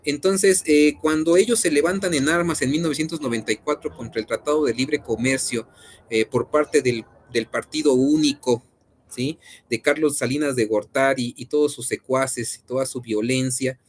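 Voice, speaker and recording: A man's voice: mid-range voice, normal speed, slightly rough. A man with a Mexican accent teaching an online class, conversational and full of fillers and question tags.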